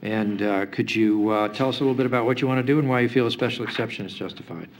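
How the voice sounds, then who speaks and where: A man's voice: mid-range voice, fast talker. Man chairing a hearing, rote official delivery. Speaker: chair of a public zoning hearing. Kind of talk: formal hearing procedure, reading cases and putting questions. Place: indoor public hearing room. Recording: noisy meeting room recording.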